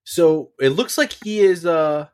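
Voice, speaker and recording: A man's voice: on the high side, measured pace, darkish tone, clean tone. A man co-hosting a podcast, casually recapping results and reacting with offhand swearing. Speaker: wrestling podcast co-host.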